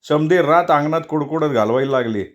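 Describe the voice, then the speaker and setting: A man's voice: fairly high pitch, brisk, natural voice. A man voicing an aggrieved, grumbling older village man who keeps donkeys, in a storybook reading. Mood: complaining. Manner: complaining, aggrieved.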